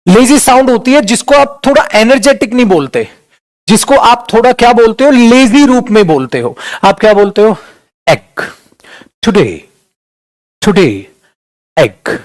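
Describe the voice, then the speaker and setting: A man's voice: very high-pitched, animated, normal speed, no room sound. A man teaching an online English class in a casual lecture style, calling students beta and dear and demonstrating pronunciation.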